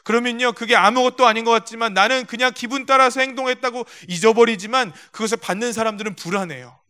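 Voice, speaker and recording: A man's voice: extremely high pitch, fast, bright, forceful tone, clear, resonant tone. A male pastor preaching a sermon in a church, telling stories, acting out quotes and speaking directly to the congregation. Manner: storytelling with acted-out quotes. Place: church sanctuary.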